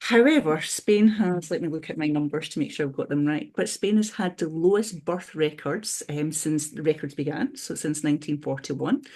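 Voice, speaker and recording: Speaking at a moderate pace with hardly any pauses, this Scottish woman has a low-pitched, slightly mellow voice. She reflects casually on a webinar panel, often restarting sentences and using "you know."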